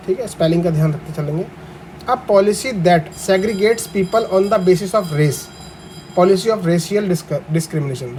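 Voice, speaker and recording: A young man teaching exam vocabulary. He reads English definitions slowly, spells words letter by letter and then explains them in a conversational way, often asking the students questions. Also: high voice, dark tone, slight background noise, rough recording. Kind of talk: vocabulary lesson for exam aspirants.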